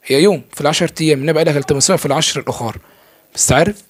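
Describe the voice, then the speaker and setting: A man's voice: fairly high pitch, very fast, slightly rough, no echo. A young man with an Egyptian Arabic accent giving a casual religious talk to camera. He asks himself questions and answers them, and he often stalls on repeated fillers. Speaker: religious speaker. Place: filming himself indoors.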